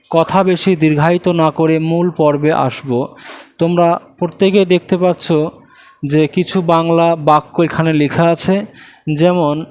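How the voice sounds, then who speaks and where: Man, English teacher, high voice, slow unhurried delivery, word-by-word drills, quizzing students. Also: clean tone. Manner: drawls English words out slowly. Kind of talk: spoken English lesson for students.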